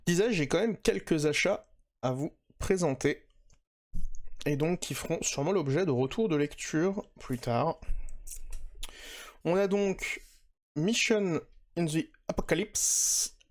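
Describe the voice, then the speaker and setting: A man hosting a casual manga podcast, chatting with lots of hesitations and fillers. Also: fairly high pitch. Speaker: podcast host.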